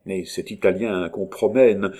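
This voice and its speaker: A man's voice: lowish voice, lively intonation, moderate pace, gravelly, breathy edge, exaggerated voice. A man doing a hot-tempered young woman. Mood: angry. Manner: angry, louder.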